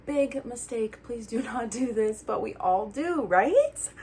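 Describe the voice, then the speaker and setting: A young adult woman talking casually to camera like a friend, earnest and animated, sometimes dropping into soft asides. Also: a little high, takes it slowly, a little hiss or hum. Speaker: vlogger giving breakup advice. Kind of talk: casual heart-to-heart chat to camera.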